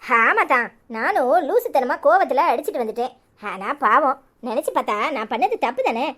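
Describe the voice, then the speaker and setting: A woman with a Kanyakumari Tamil accent voicing a soft-spoken, apologetic young woman in a cartoon. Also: sits high, animated, normal speed.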